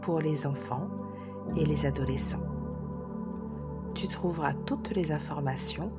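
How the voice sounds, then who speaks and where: Soft-spoken low woman guiding relaxation. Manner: soft, slow, soothing guidance, drops to a whisper at times. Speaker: sophrologist guiding a session. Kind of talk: guided relaxation session. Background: soft background music.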